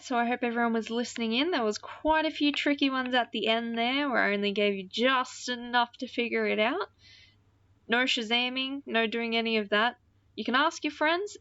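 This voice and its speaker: A woman with a slightly high, fairly bright and smooth voice hosts a radio-style podcast, chatting like a casual DJ. She's informal, rambling and self-deprecating, and the sound quality is lo-fi.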